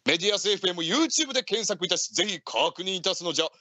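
A man's voice: sits high, expressive, fast, pushed and bright, no room sound. A man hosting a live radio show in a ninja leader persona, chatting in theatrical, archaic samurai-style speech with lordly wording. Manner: theatrical, old-fashioned lordly wording like an elder warrior.

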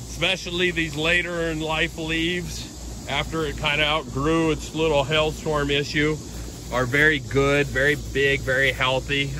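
Middle-aged man, bright and slightly high voice, casual rambling garden walkthrough on phone, faint insects outside. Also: a little hiss or hum, low-quality recording. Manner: relaxed, rambling, explains as he walks. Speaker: giant pumpkin grower. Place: outdoors in a pumpkin garden. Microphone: handheld phone.

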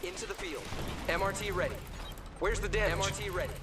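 An actor playing the courteous, servile crew of a game repair vehicle, always eager to help. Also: male voice, sits high, fast, over a noisy crowd, lightly acted. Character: polite, butler-like male crew of a repair vehicle. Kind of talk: video game unit responses. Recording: game audio over battle sounds. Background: dense game sound effects.

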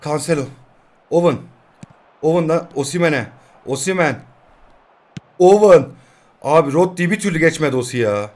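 A man in his twenties commentating his own mobile football match, swinging between shouting at his players and quiet muttering. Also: fairly high pitch, animated, normal speed, pauses often. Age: 20s. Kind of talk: live gameplay commentary.

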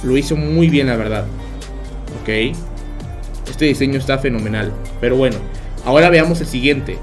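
This young adult streamer, speaking with a Mexican Spanish accent, talks at a normal speed in a medium-pitched voice while faint music plays behind him. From his small bedroom, he livestreams a game, swapping stories with his viewers and laughing and joking a lot.

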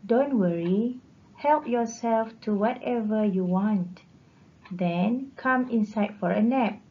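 A woman's voice: a little high, slow pace, highs cut off. A woman putting on a sly old witch. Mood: sweet. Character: cackling old female witch, greedy and cunning.

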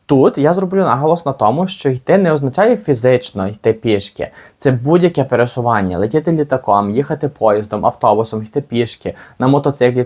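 A man with a Ukrainian accent teaching an English lesson, explaining patiently and saying model phrases slowly for learners to repeat. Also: mid-range voice, a little mellow, husky. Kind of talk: language lesson with slow repetitions.

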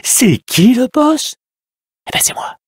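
A man's voice: very high-pitched, sing-song, slow, breathy edge, no room sound, studio quality, exaggerated voice. A man voicing a chatty, nervous male robot sidekick in a dubbed video game, rambling with hesitations. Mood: resentful.

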